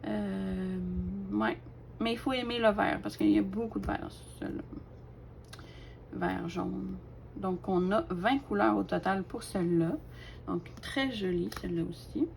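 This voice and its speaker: A woman's voice: mid-range voice, sing-song, unhurried, vocal fry, slight background noise. Chatty woman. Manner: chatty, hesitant with many fillers, laughs softly. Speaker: craft collection vlogger. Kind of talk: casual show-and-tell.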